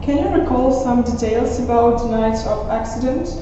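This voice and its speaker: A woman's voice: a little high, moderate pace, noisy background. A woman interviews role-played guests in a school lesson, asking hesitantly with fillers. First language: Ukrainian. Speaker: interviewer in a class role-play. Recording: echoey classroom, far mic, dull.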